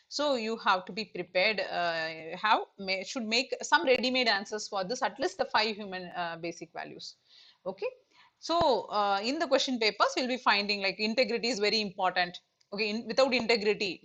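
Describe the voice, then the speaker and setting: This is a woman, middle-aged, delivering an online coaching lecture for exam students. Her voice sits slightly high. She talks in loose, repetitive phrases, leaning on "okay" and "uh" between points. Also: sharp tone. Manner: repetitive, filler-heavy explaining with "okay" and "uh".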